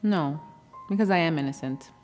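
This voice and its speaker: A woman's voice: sits low, moderate pace, a little mellow, soft background music. A woman speaking firmly and earnestly as an interviewee, sure of herself. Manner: firm, earnest and self-assured. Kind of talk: candid studio discussion. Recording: reverberant room.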